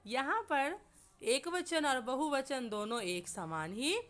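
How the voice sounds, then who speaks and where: A woman with a bright, clear voice and a fairly high pitch gives a grammar lesson very slowly. She sets out her examples word by word and puts questions to her listeners before she answers them herself. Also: lively intonation. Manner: slow and deliberate, lists examples one word at a time, asks questions and answers them. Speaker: Hindi grammar teacher. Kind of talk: slow explanatory classroom lesson.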